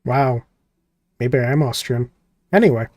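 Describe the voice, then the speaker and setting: This mid-range, slightly mellow male voice comes across unhurried and echo-free. As host of a visual novel, he rambles and jokes casually through the gameplay, reading text aloud and skimming it with plenty of filler words.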